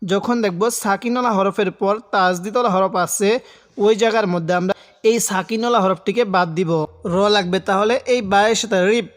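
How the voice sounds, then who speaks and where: A man whose voice sits high, with fairly even intonation, teaches Quran reading in a big-room acoustic. He spells out syllables, lengthens them slowly in recitation, and explains things patiently one step at a time.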